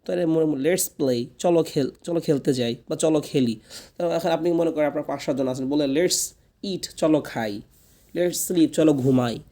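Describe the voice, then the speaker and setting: A man teaching a spoken English lesson, his first language Bengali. His voice is slightly raised in pitch, gravelly, and warm. He stretches each example sentence out slowly before explaining it. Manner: slow, drawn-out model sentences between quick explanations.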